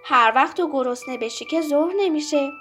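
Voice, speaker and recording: A patient mother, voiced by a woman storyteller, calmly soothes and redirects her child. She sounds gentle but firm, with a fairly high voice. Faint music runs under the storybook. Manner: calm, reassuring, gently firm.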